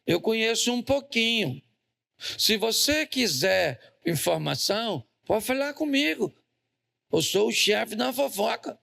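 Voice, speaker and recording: Man, Brazilian accent, pastor, humorous sermon, gravelly, bright high voice. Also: sing-song, takes it slowly. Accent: Brazilian Portuguese. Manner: joking, storytelling, calls on the congregation. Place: church hall.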